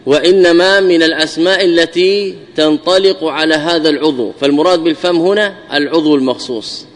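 A man's voice: a little high, a little fast, in a large hall. A man giving a classical grammar lesson, often repeating key words and answering his own questions. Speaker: Islamic scholar teaching Arabic grammar.

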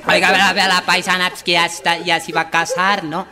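A woman's voice: lowish voice, flat delivery, a little fast, a crowd in the background. A woman from Nariño, Colombia, with a Nariño Colombian accent, telling folksy jokes in a chatty way, with a constant "le dijo". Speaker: joke teller.

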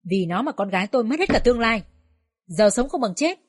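A woman's voice: lively intonation, a little fast, slightly rough, no room sound, clean studio sound. A woman doing a furious shrieking old village woman. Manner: shrill, cursing, shouting. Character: furious older village woman, loud and abusive.

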